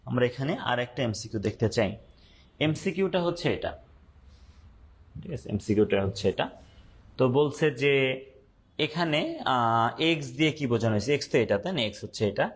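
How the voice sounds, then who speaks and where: Slow, deliberate male teacher. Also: mid-range voice, animated. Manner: slow, deliberate, repeats points and quizzes students. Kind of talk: online class lecture.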